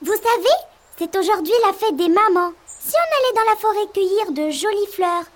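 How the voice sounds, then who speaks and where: A woman's voice: very high voice, animated, normal speed. A woman voicing a small, cheerful little boy who leads his brothers, in an eager childlike voice. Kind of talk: storybook voice acting.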